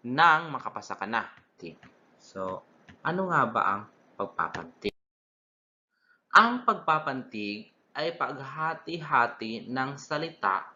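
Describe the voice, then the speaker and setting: Slow, bright-voiced young man teaching. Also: mid-range voice, slight background noise. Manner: deliberate, repeats terms, self-corrects mid-word. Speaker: student teacher. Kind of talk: recorded classroom lesson. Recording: dull lo-fi recording.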